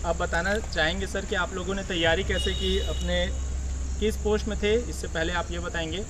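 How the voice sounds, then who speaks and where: ऊँची आवाज़ वाला इंटरव्यू लेता आदमी, हल्की झींगुरों की आवाज़. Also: male voice, sits high, steady tone, normal speed, background noise. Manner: friendly, addresses viewers as friends. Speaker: interviewer and channel host. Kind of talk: casual interview and promotion.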